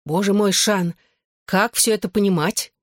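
A reader voicing a bubbly, excitable teenage girl who fiercely takes her best friend's side. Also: mid-range voice, no echo, studio quality, close to an everyday voice. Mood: excited. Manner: quick to excitement and indignation.

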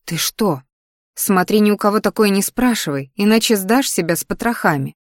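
A woman's voice: mid-range voice, expressive, moderate pace, dry recording, clean studio sound, natural voice. A woman voicing a cheerful, bossy young female student roommate in a fantasy audiobook, talking eagerly and emphatically. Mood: lively, bossy.

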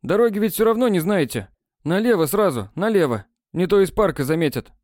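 A man's voice: sits high, animated, a little fast, darkish tone, dry recording, studio quality, voice pushed up. A man reading an audiobook, voicing a cocky, scheming teenage schoolboy from a magic school with a pushy, needling manner. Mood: bossy.

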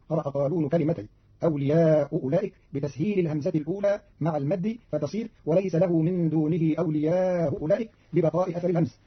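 A man giving scripted explanatory narration in a brisk, formal reading voice. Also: a little high, breathy edge. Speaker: radio presenter. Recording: dull lo-fi archival radio recording.

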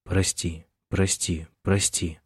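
A man reading the part of a desperate young male prisoner in an audiobook, speaking in hushed, urgent pleas. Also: deep voice, level tone, takes it slowly, slightly rough, dry recording, studio quality, heavily acted. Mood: whispering.

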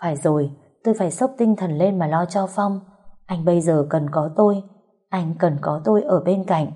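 A woman's voice: fairly low pitch, moderate pace, warm tone, slightly rough. A woman with a Southern Vietnamese accent narrating a first-person audio story in an emotional, heartfelt way.

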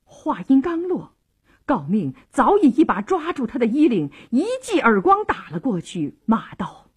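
Slow, expressive woman storyteller. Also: a little high, husky. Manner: expressive, dramatic, deliberate. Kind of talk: traditional Chinese serial storytelling broadcast.

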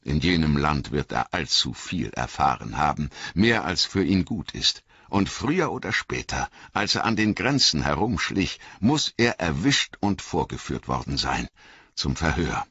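A man voicing an old, wise male wizard who speaks in a grave, measured way with emphatic repetition, in an audiobook reading. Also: rumbling low, sing-song, sharp tone, husky, no room sound, full character voice. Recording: dull lo-fi audiobook recording.

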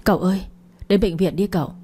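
A woman's voice: medium pitch, steady tone, quick pace, warm tone, husky, close to an everyday voice. A woman voicing an anxious, loyal older housekeeper who speaks with worry and pleading. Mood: worried. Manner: worried, pleading.

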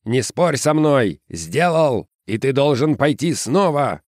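Shrill bullying ghost-voice of an uncle, a man puts it on, audiobook. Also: expressive, takes it slowly, creaky, fairly bright tone, no room sound, clean studio sound, full character voice. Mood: furious shouting. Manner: shrieking, bullying commands. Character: raging disembodied male voice, an uncle.

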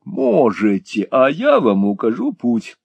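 Male reader as a languid aristocratic schemer for an audiobook, slow drawl with lively pitch swings, dry close sound. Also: vocal fry, slightly rough, no room sound, muffled recording, heavily acted.

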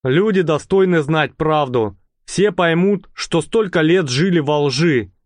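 A man's voice: fairly high pitch, measured pace, dry recording, clean studio sound, lightly acted. A man voicing a pompous, hot-tempered male gang leader who lectures and snaps at his followers. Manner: speechifying then snapping. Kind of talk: audiobook character voice.

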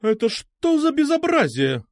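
A man's voice: extremely high pitch, wildly swooping pitch, a little slow, no room sound, studio quality, voice pushed up, heavily acted. A man voicing a stern, indignant older woman teacher who scolds with outrage. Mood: outraged.

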